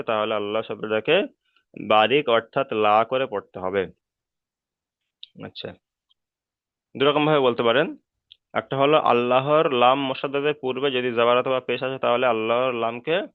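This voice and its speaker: A man teaching Quran reading over an online call, patient and repetitive, stretching out each chanted example. His voice is smooth and clear, but the sound is thin and phone-like, and the room is dry. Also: mid-range voice, no room sound. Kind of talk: online Quran recitation lesson.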